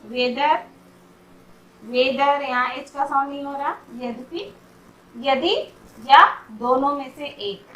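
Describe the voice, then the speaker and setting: Slow, bright-voiced woman teaching pronunciation. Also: high voice, echoey room, recorded from a distance, rough recording. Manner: says each word slowly, then gives its meaning. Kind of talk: slow explanatory lesson.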